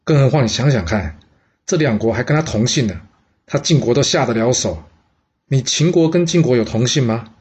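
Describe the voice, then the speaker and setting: A man voicing a shrewd old envoy, husky. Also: mid-range voice, expressive, a little fast, darkish tone. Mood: persuasive. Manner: earnest, reasoning step by step. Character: aging male envoy, shrewd and persuasive. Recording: dull lo-fi audio.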